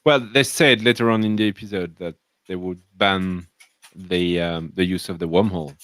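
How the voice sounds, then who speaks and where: A man co-hosting a podcast, musing in casual chat and often trailing off quietly. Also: low voice, fairly even intonation, normal speed, background noise. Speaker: podcast co-host.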